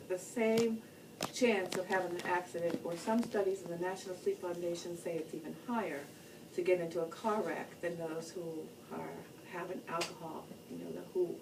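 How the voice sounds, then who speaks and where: A woman giving an informal, plain-spoken educational talk about health, explaining things in a loosely structured way. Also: fairly low pitch. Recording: distant mic, noticeable background noise.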